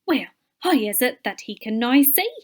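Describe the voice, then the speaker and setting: A woman's voice: a little high, expressive, normal speed. A woman voicing muttering, suspicious temple leaders. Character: doubting, grumbling temple leaders.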